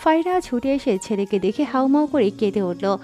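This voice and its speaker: A woman narrating a dramatic story in a scripted, expressive reading. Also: a little high, moderate pace. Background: faint background music.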